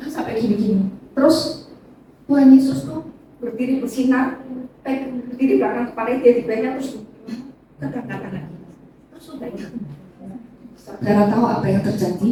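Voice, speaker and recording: A woman's voice: moderate pace, pauses often, warm tone, a little hiss or hum. Woman giving a tearful church testimony. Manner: addresses listeners as "saudara", acts out tearful prayers in a high voice. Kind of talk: emotional testimony sermon. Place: church hall. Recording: echoey church hall, distant mic, faint ambience.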